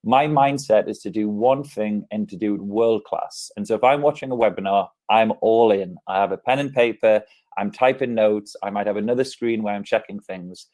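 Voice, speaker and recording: An upbeat Englishman in his thirties presents a conference keynote from an office, speaking into an earphone mic on a video call. His voice sits on the low side, with a soft, mellow tone. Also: moderate pace. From England. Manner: upbeat, gestures with his hands as he talks. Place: office, indoors.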